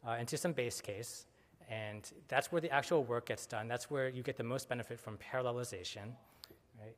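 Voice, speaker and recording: Man, conference speaker, relaxed technical talk, lots of ums and restarts, stage mic, long hall reverb. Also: medium pitch. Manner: casual, many fillers and self-corrections.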